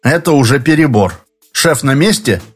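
A man's voice: mid-range voice, animated, normal speed, husky, faint music behind. A man voicing a frustrated, stubborn young office worker who talks bluntly and grows exasperated in an audiobook.

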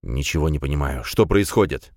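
A man voicing a bewildered older count, a loving father, speaking slowly, in an audiobook. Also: a bass voice, expressive, a little mellow, no room sound, clean studio sound. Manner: slow, bewildered. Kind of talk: audiobook character reading.

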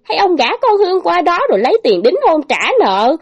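A woman voicing a scheming, quarrelsome middle-aged stepmother who shouts shrilly in a storybook reading. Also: high voice, sing-song, fairly quick, highs cut off, pitched above the performer's own voice. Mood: shrill.

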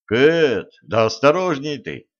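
A man's voice: medium pitch, big pitch swings, takes it slowly, lo-fi sound. A man doing a cocky, teasing young fighter. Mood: wry. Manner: teasing, wry, cheerful.

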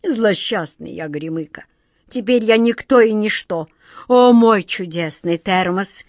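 A woman's voice: medium pitch, dry recording, studio quality, close to an everyday voice. A woman voicing a gloomy, homeless ancient male djinn who laments in a sepulchral mutter. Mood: wailing lament. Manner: lamenting, slow.

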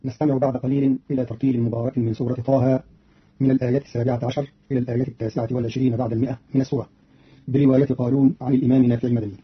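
A man giving a formal scripted explanation of recitation variants, delivered briskly for an archival radio program. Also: medium pitch, flat delivery, breathy edge. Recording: dull archival radio recording.

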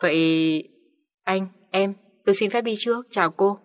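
A woman's voice: mid-range voice, moderate pace, soft background music, close to an everyday voice. A woman voicing a reserved young man who speaks formally and apologizes in an audiobook story. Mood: polite.

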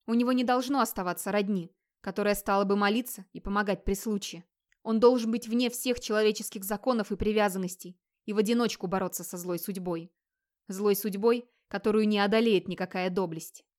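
A woman narrating a dramatic audiobook in a steady storytelling voice. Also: mid-range voice.

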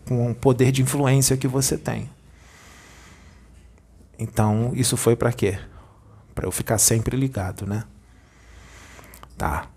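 A spiritual medium, a man, recounting a vision to his audience in an animated, repetitive storytelling manner. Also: medium pitch, creaky, breathy edge. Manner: animated storyteller, repeats himself.

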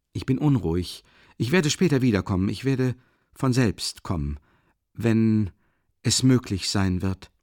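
A man reading the part of a pale, brooding young man who insists on leaving his family, halting and intense. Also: medium pitch, darkish tone, no echo, studio quality, voice pushed up, lightly acted.

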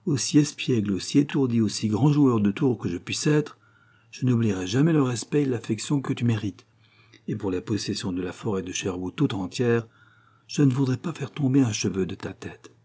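A man's voice: medium pitch, normal speed, warm tone, slightly rough, natural voice. A man voicing a playful teenage archer who speaks to his father with eager, affectionate devotion. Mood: fervent, tender.

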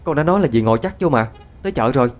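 A man's voice: medium pitch, animated, rapid-fire, a little hiss or hum, voice pushed up, lightly acted. A man with a Southern Vietnamese accent voicing a teenage girl, possessed and turned brash, in a spoken ghost story. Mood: cocky.

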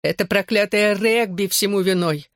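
A man's voice: sits high, normal speed, a bit bright, dry recording, studio quality, voice pushed up. A man putting on a sobbing, fretful mother. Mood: tearful. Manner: sobbing, wailing, sniffling. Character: tearful, fretting middle-aged mother.

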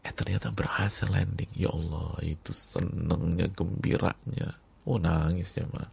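Deep gravelly preacher, hushed to loud. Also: male voice, fairly even intonation, unhurried. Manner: vivid storytelling with dramatic swings from whispers to loud outbursts. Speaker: Islamic preacher. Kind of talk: sermon. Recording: dull lo-fi lecture recording.

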